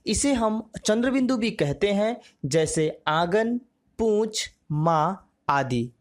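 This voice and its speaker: A woman teaching a grammar lesson, slow and measured, drawing out each example word. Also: medium pitch.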